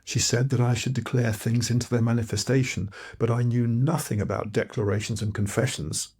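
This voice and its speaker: A man's voice: medium pitch, fairly even intonation, a little fast, a little mellow, husky. A man from Malawi, narrating his own audiobook in a reflective, earnest storytelling way. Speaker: author and narrator.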